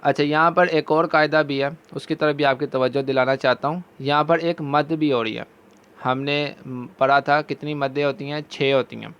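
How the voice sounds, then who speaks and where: A man with a Pakistani Urdu accent teaching Quran recitation, chanting verses slowly and drawn out between brisk explanations. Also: fairly high pitch, steady tone, a bit bright, clean tone, dull audio. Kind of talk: recitation lesson.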